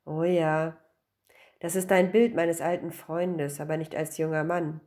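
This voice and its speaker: A woman doing a gentle little old man. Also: sits low, steady tone, measured pace. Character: kindly small old man.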